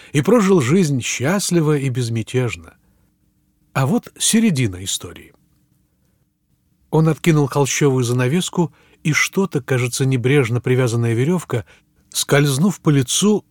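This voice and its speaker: A man narrates an audiobook at a measured pace, letting his voice sink low at the ends of phrases. His pitch sits in the middle for a man. The recording is close and dry, with no room sound. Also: a little mellow, no echo. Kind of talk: scripted narration.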